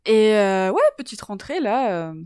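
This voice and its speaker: A woman's voice: medium pitch, animated, unhurried, a little mellow, smooth, no echo, studio quality. A woman from around Toulouse hosting a casual science live-stream, chatty and giggly, greeting viewers in the chat.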